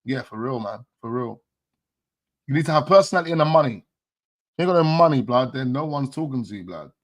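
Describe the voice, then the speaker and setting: A man hosting a live stream, chatting in loose slang and breaking into laughter. His pitch sits in the middle, neither deep nor high, and his delivery stays playful and offhand. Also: animated, fast. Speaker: host of a fan channel stream. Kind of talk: casual live-stream chat.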